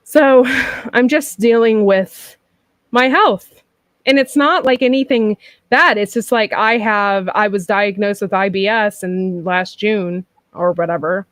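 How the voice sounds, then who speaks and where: A woman in her thirties chats casually as host, frank and loose with plenty of fillers. Her voice sits at an ordinary middle pitch. The sound is dry and close. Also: slow, no room sound. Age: 30s. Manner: chatty and frank, with frequent laughs and fillers. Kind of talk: casual chat.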